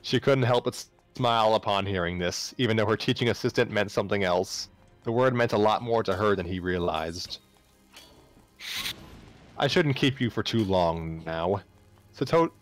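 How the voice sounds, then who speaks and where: Here a man with a lowish voice narrates a story live, moving a little fast and occasionally tripping up and rereading lines. There's music in the background.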